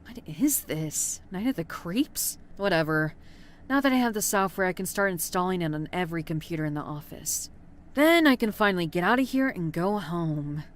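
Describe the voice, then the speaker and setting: Game office worker, female actor: lowish voice, lively intonation, weary and guarded. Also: moderate pace, natural voice. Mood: weary, dismissive. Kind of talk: video game voice acting.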